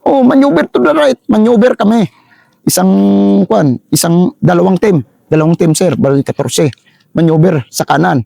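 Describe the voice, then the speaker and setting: A middle-aged man with a Visayan accent, an army sergeant telling a war story in a halting way, repeating phrases and often saying "sir". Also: sits high, animated, creaky, mellow, no echo, studio quality. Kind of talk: interview storytelling.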